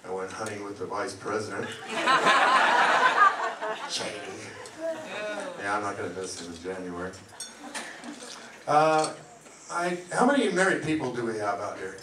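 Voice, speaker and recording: A middle-aged man doing a stand-up comedy set, delivering deadpan one-liners. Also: lowish voice, a little slow, pauses often, recorded from a distance. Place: comedy club lounge. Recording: echoey club, mic heard from afar, loud noise. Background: audience laughter.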